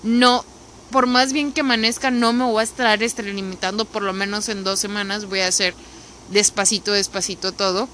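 A woman's voice: mid-range voice, flat delivery, brisk, a bit bright, a little hiss or hum. A woman with a Mexican accent talking casually in a candid, rambling personal monologue, feeling unwell and tired, swearing now and then. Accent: Mexican Spanish. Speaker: podcast host.

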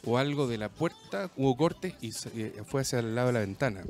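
A man with a Chilean accent telling a story in casual chat, rambling and animated, full of slang. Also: medium pitch, brisk, faint music behind.

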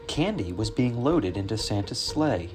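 A man reading a children's story aloud in a slow, expressive storytelling voice. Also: lowish voice. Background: music.

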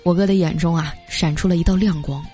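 A woman telling funny stories in a lively, laughing way, as a host. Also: fairly low pitch, fast. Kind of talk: comic storytelling. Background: background music.

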